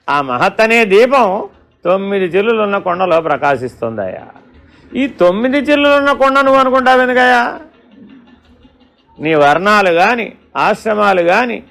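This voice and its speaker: Male spiritual teacher, high-pitched and gravelly, questioning, storytelling discourse. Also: a bit bright. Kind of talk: Vedanta discourse.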